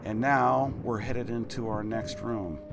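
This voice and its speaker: A man's voice: lowish voice, fairly even intonation, unhurried, over loud music. A man with a slushy lisp on his s sounds giving casual, jokey video game commentary, muttering asides and reading notes aloud.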